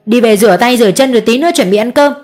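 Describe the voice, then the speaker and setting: A woman voicing a shrill, nagging middle-aged stepmother who scolds the children. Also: close to an everyday voice. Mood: ordering. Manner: sharp, nagging, quick scolding.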